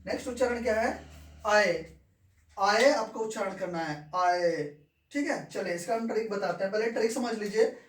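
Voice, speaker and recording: A man's voice: high voice, fairly quick. A man teaching English pronunciation, repeating each word and asking questions. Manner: repeats words and asks the class questions. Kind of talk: classroom lesson. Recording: echoey room, far from mic.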